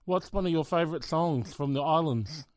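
A man hosting a community radio interview, asking gentle questions with many fillers and laughing often. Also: a little high, normal speed, no echo.

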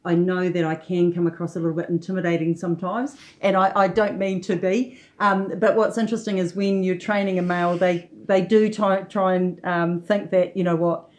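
Lower-pitched New woman, chatting casually. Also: flat delivery, moderate pace, hardly any pauses. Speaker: guest, personal trainer. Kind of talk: casual interview chat.

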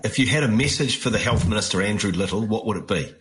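A man asking measured interview questions. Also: lowish voice, a bit bright.

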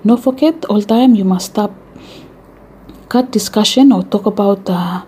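Mellow Vanuatu woman speaking Melanesian pidgin. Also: mid-range voice, a little slow, slight background noise. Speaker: radio show host. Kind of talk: informal educational radio talk.

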